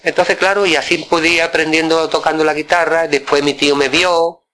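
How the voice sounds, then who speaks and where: A man's voice: on the high side, fairly even intonation, brisk, bright, forceful tone. An older man, a flamenco guitarist, reminiscing casually in an interview, rambling and repeating words with many tag questions.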